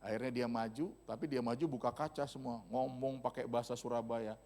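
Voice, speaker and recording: A man's voice: medium pitch, fairly even intonation, brisk, creaky, mellow. A male pastor preaching a sermon, telling stories in a humorous, casual, slangy way. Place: church hall. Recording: long church-hall reverb.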